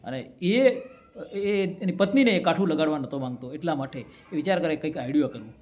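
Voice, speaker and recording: A man's voice: fairly high pitch, lively intonation, a little fast, darkish tone. A man giving a motivational speech to a community gathering, telling a folk parable and often checking with the crowd. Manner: storytelling, keeps asking the crowd "right?". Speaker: community speaker.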